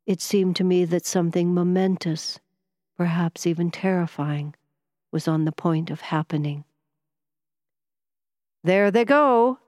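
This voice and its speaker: A woman reading a first-person novel aloud in a measured, even storytelling manner. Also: fairly low pitch, dry recording, clean studio sound, in a large hall. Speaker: audiobook narrator.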